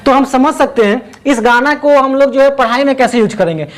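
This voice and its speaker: A man's voice: very high voice, brisk. Young man teaching physics. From Bihar. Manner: repetitive rhetorical questions, sings song snippets. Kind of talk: physics lesson explanation.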